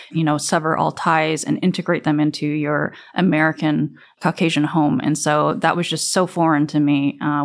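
A woman in her forties candidly telling her own life story in a reflective, conversational way with casual fillers. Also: low voice. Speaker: interviewee. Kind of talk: personal storytelling.

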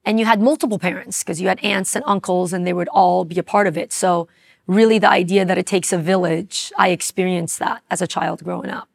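A woman in her forties from Iran, recounting her life story in a reflective, unhurried way. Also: fairly low pitch, steady tone, creaky. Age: 40s. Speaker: interview guest. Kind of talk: personal storytelling.

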